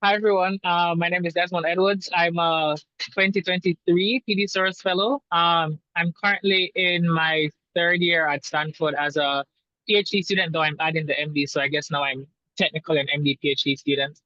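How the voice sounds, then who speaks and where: Bright-voiced young man from Jamaica. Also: fairly high pitch, level tone, fairly quick, dry recording, highs cut off. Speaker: panelist, doctoral student. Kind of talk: casual chat.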